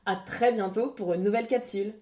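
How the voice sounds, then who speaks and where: A woman presenting a language lesson in scripted narration, clear and didactic, saying out examples slowly. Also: medium pitch, fairly even intonation, dark tone.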